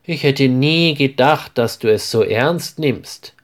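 A man voicing a kind middle-aged aunt in a storybook reading, speaking calmly and reassuringly, at an unhurried pace. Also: mid-range voice, lightly acted. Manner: calm, reassuring advice.

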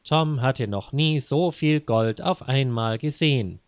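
Male audiobook narrator, calm and measured, slow pace, dry close sound. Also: mid-range voice, dry recording. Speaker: storyteller.

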